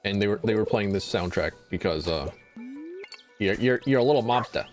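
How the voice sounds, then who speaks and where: A man's voice: fairly low pitch, lively intonation, moderate pace. A young man streaming live, chatting casually in a rambling, self-deprecating way and swearing freely. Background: faint music.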